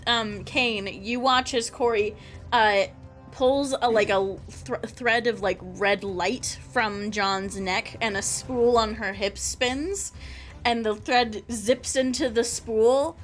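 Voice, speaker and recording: A woman's voice: on the high side, slow pace, soft background music. A woman playing a tabletop game, casually narrating her character's actions. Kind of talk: casual role-play narration.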